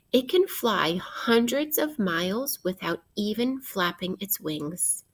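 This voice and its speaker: A woman teacher of medium pitch reads a children's nonfiction book aloud, expressive and instructive, speaking directly to young listeners.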